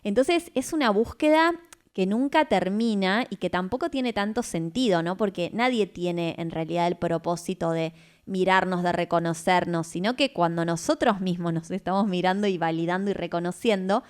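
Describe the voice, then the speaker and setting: In a reflective conversation, this female radio host explains her ideas thoughtfully and tends to close points with a questioning tag. She speaks at normal speed in a lowish voice with a clean tone.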